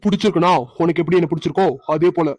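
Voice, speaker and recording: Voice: mid-range voice, fairly even intonation, rapid-fire, a little mellow, dry recording, close to an everyday voice. A performer voicing a playful young husband in a cartoon who teases his wife with chuckles. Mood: teasing. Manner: teasing, chuckling. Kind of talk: cartoon voice acting.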